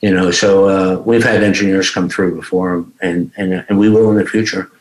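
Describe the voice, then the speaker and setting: A mature man speaking as a guest teacher, reflective and halting, often restarting his phrases. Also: low-pitched, fairly even intonation. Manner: halting, with repeated starts. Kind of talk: reflective unscripted talk. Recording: echoey room sound.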